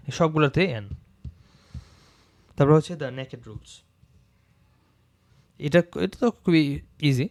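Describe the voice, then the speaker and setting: A man teaching an English grammar lesson, repeating example words slowly to show how they sound and mixing English terms into his talk. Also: fairly high pitch, a little mellow, no echo. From Bangladesh.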